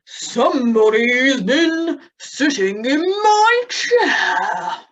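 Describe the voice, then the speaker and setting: A woman's voice: sits high, sing-song, extremely slow, a bit bright, full character voice. A woman voicing a grumpy father bear puppet with exaggerated delivery in a children's role-play. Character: grumpy adult male Daddy Bear puppet.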